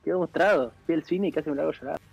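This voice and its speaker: A man's voice: racing, vocal fry, muffled recording, faint music behind. A young man with an Argentine accent arguing heatedly in a casual chat, swearing freely, his voice jumping up when he gets worked up. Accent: Argentine Spanish. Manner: excitable, swears a lot, voice jumps high when worked up. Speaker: panelist.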